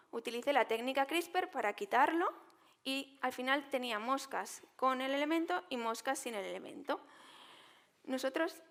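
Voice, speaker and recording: A woman's voice: high voice, a bit bright. A young woman scientist explaining her lab research at a public science talk, with frequent fillers and tag questions.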